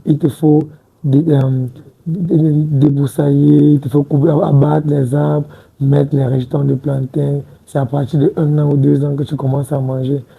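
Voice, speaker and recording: Gravelly, husky man in his twenties. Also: on the high side, little pitch movement, moderate pace, narrow, tinny audio. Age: 20s. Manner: hesitant, repeats words and restarts, says "tu vois un peu". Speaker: interview guest. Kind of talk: casual interview talk. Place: TV studio set.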